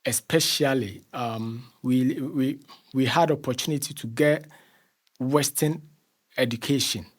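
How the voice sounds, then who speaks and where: As an interview guest, a Ghanaian man with a Ghanaian accent talks conversationally in a mid-range voice at a measured pace. He often repeats phrases while he searches for words.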